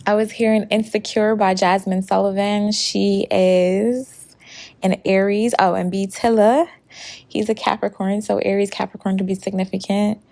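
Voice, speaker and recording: A woman with a gravelly, fry-tinged voice gives a relaxed intuitive reading. She talks in a chatty, easygoing way and laughs often, with her pitch sitting in the middle range. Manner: chatty, laughing often, breaks into sung lyrics. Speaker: tarot reader. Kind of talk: casual intuitive reading to camera.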